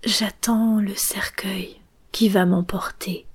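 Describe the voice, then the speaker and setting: A woman's voice: medium pitch, fairly even intonation, slightly rough. A woman whispering as a ghostly blue-haired girl. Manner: tiny whispered voice, slow and lifeless. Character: ghostly pale young girl with blue hair.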